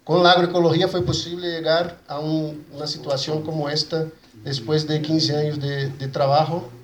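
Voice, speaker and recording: Man, Brazilian Portuguese accent, slightly high voice, halting Spanish-Portuguese mix, conference speaker, echoey room. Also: level tone. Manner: mixes Spanish with Portuguese words and forms (portuñol). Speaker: conference speaker for an agroecology movement. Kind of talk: conference presentation. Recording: roomy echo, faint background noise.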